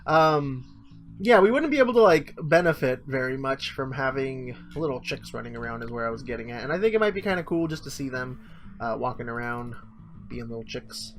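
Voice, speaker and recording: A man's voice: mid-range voice, animated, fairly quick. A young man talking through a survival game in casual, rambling commentary, his voice a bit stuffy from just waking up, full of ums and little laughs. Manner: rambling, filler-heavy, chuckling. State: morning voice, stuffy sinuses. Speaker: gaming channel host.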